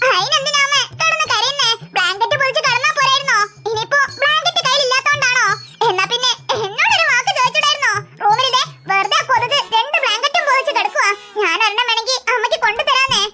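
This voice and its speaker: Cartoon small child, shrill high voice, fondly scolding, heavy echo, noisy track. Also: fast, over music. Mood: coaxing. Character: small child coaxing mother at night. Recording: very echoey, noisy, long reverb.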